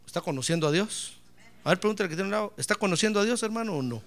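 A man's voice: high voice, expressive, rapid-fire, a bit bright. A man preaching a sermon as pastor, emphatic, calling on the congregation to answer back and slipping in joking asides.

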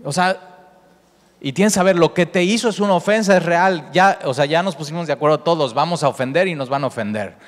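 A man preaching a sermon with animated delivery, often repeating words and rising in pitch for emphasis. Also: fairly quick. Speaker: pastor. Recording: echoey hall with long reverb.

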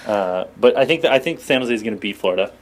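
A man co-hosting a podcast, chatting casually about hockey with quick, teasing banter. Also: fairly low pitch, expressive. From Canada. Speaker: podcast co-host. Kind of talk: casual sports chat.

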